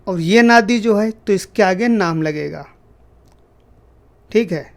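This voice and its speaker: A man teaching a spoken language lesson, saying each phrase slowly and repeating it before he explains it. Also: sits high, creaky.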